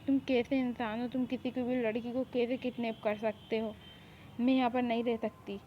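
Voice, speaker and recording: A woman's voice: fairly high pitch, level tone, moderate pace, natural voice. A woman voicing a timid young girl who pleads and apologizes in a fan audio drama. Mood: upset. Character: innocent young girl, kidnapped, timid and sulky. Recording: tinny phone-like recording, faint hiss.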